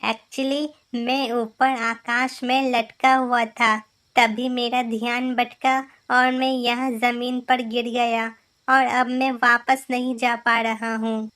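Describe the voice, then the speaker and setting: A woman's voice: flat delivery, takes it slowly, a bit bright. A woman voicing a lost young star fallen from the sky in a children's cartoon, in a raised, wondering voice. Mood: pleading. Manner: higher put-on voice, wondering.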